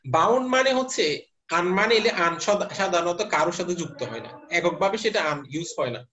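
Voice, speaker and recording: A man's voice: sits high, lively intonation, brisk, bright, forceful tone. Man lecturing in a muffled recording. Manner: explains step by step, quizzes students. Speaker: university teacher. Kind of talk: lecturing class, mixing English terms.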